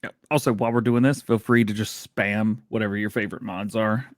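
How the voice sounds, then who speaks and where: A man's voice: on the low side, fairly even intonation, brisk, no room sound, clean studio sound. A man hosting a livestream, chatting casually and laughing often, with playful sound effects. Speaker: livestream show host.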